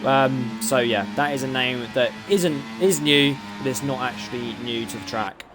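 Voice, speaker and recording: A man with an Essex accent calls a sim racing qualifying session live. His voice sits at an everyday middle pitch, and he talks in a chatty way, often stumbling over names and correcting himself. Clear music plays behind him. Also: normal speed. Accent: Essex English. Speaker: league race commentator.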